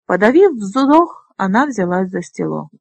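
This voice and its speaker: A woman narrating a fantasy novel in a measured, even storytelling manner. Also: mid-range voice, vocal fry, slightly rough, no echo. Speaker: audiobook narrator. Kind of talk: audiobook reading of a fantasy novel.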